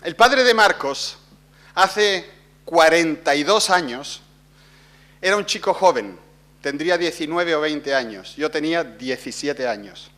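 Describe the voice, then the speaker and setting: Pastor, male, late 50s, high voice, rhetorical questions to the congregation. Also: lively intonation, unhurried. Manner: swings from soft confiding storytelling to loud emphatic preaching. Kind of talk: sermon.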